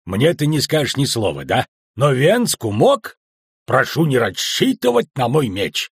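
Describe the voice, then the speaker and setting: A man voicing a gruff, hot-tempered male dwarf wagon driver who rants and shouts crude words in a husky voice. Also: fairly low pitch, sing-song, moderate pace, no room sound, studio quality, exaggerated voice. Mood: angry ranting.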